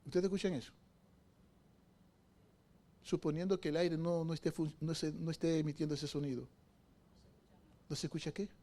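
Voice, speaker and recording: High-voiced man preaching a fervent sermon. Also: flat delivery, a little fast. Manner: asks the congregation rhetorical questions; swings from hushed storytelling to loud fervent preaching. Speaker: pastor. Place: church sanctuary.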